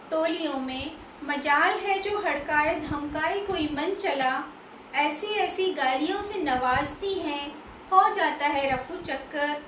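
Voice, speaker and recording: A woman poet from Madhya Pradesh, India, reciting her poems in a slow, measured reading. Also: sits high, a bit bright. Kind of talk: poetry recitation. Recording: echoey room, distant mic, faint noise.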